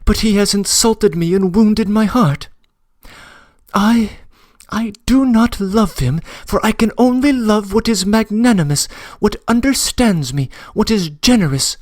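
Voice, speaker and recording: The reader is a man whose voice sits high and moves unhurriedly, with no room sound. In this classic-novel audiobook he portrays a passionate young woman in tearful pleading, earnest and trembling, confessing breathlessly.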